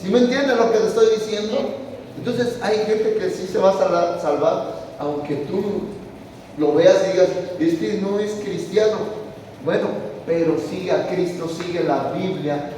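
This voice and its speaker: A man's voice: sits high, dark tone, slight background noise. A man preaching a sermon as pastor, with emphatic rising and falling delivery, recorded from a distance in a large church hall. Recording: echoey hall heard from a distance.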